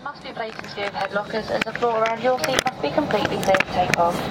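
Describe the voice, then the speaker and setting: A woman's voice: on the high side, fast. A woman flight attendant reading a formal, scripted airline cabin announcement in the style of an airport announcement, over a cabin PA. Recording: distant cabin PA, loud aircraft noise.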